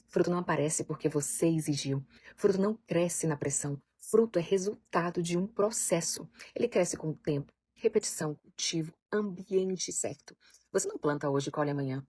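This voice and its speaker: Husky woman giving parenting advice. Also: lowish voice, darkish tone, no room sound, studio quality. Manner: earnest, emphatic, acts out parent's lines. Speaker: parenting coach. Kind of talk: faith-based parenting talk to camera.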